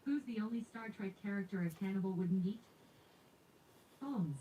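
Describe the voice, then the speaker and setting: A woman's voice: mid-range voice, moderate pace. Dull-sounding woman's assistant voice, faintly noisy. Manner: even, scripted joke delivery. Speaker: smart speaker voice assistant. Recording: dull, faint sound from a smart speaker in the room.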